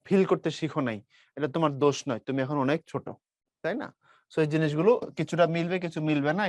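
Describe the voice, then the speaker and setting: Young male tutor from Bangladesh, light Brahmanbaria accent, fairly high voice, dry close sound, patient step-by-step lecturing. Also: no room sound. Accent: Bangladeshi Bengali, Brahmanbaria region. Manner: explains step by step, calls students brother, models sounds aloud. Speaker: teacher. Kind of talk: online class lecture.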